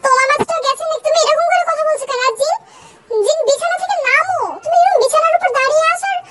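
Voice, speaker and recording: Woman doing a shrill, flustered queen. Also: fast. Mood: shocked. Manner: shrill, exasperated scolding. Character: flustered middle-aged queen, fussy and bewildered. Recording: loud background hiss.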